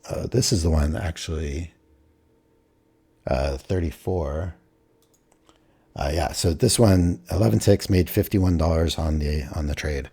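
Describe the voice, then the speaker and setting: A man with a very deep, dark voice that sounds slightly hoarse talks casually into a desktop mic. He reviews his own trades in a matter-of-fact way, thinking aloud as he goes. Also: measured pace, pauses often. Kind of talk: casual screen-recorded trade recap.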